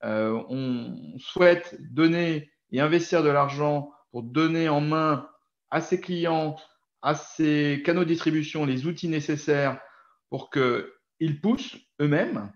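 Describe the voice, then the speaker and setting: Male CEO, investor Q&A, frank and halting, echoey muffled room sound. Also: a little high. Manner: hesitant, many fillers, frank and direct. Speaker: company chief executive answering investor questions. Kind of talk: results presentation Q&A. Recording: roomy, dull lo-fi sound.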